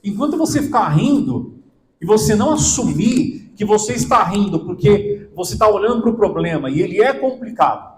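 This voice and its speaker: A man preaching in a church hall, his fairly high voice swinging widely as he presses his point. He keeps checking in with the congregation, and the room echoes around him with a faint hum behind. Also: very animated, normal speed, darkish tone. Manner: emphatic, asks the congregation questions. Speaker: pastor. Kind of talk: sermon.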